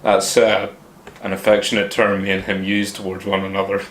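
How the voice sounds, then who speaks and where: A man's voice: low voice, monotone, a little fast, a bit bright. Irreverent man bantering in an echoey room. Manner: irreverent, sweary, joking. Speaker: comedy podcast co-host. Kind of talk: casual comedic banter. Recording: echoey room with background noise.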